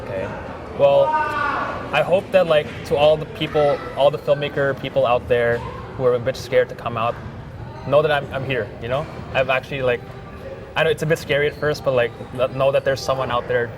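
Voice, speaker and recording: A man's voice: medium pitch, brisk. A young man, a filmmaker guest, talking in a casual interview with lots of "like" fillers. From Thailand. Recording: music playing behind.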